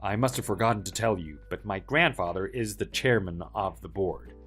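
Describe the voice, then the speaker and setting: An actor playing a polite, helpful young office worker with quiet backbone, speaking in an earnest, measured way in a dramatized story. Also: male voice, low voice, slightly rough, faint music behind. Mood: calm, smug.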